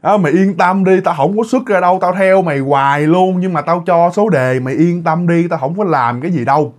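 Man doing a shrill, menacing female demon. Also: lightly acted. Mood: taunting. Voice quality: shrill, half-male half-female voice. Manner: slow, drawn-out, commanding.

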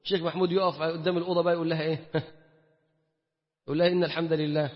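A man with an Egyptian accent preaching a colloquial sermon, firing rhetorical questions at his listeners and swinging between loud and hushed. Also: fairly high pitch, level tone, very fast. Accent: Egyptian Arabic. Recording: dull, echoey hall recording.

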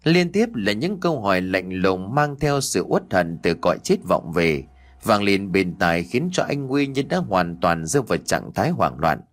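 A man narrating a ghost story in a dramatic, expressive storytelling manner. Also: low voice, moderate pace.

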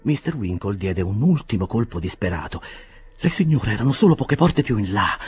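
A man reading a classic novel aloud as an expressive, dramatic narrator. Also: lowish voice, normal speed, breathy edge, dry recording. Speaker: audiobook reader. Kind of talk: audiobook narration.

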